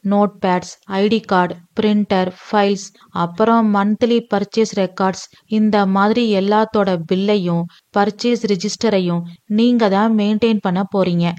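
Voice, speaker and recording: A woman voicing a kind, easygoing young husband who talks in a relaxed, friendly and reasoning way in an audio love story. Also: mid-range voice, normal speed, lightly acted. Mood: explaining. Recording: dull, dry lo-fi recording.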